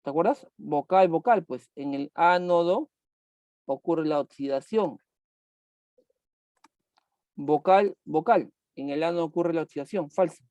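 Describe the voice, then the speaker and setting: A man's voice: fairly high pitch, unhurried, pauses often, darkish tone, no echo, lo-fi sound. A man teaching a chemistry class online, repeating key points and asking students questions as he goes.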